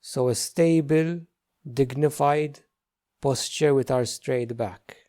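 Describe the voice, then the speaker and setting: Here a man acting as meditation teacher guides listeners in a mid-range voice. His words come gently, in short, unrushed bursts with many pauses between them.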